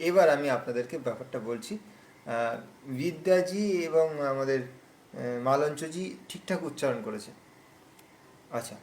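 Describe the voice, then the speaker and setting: A patient man leads an online recitation lesson on a video call, stretching out words as he recites and taking his explanations slowly. His pitch is a little high.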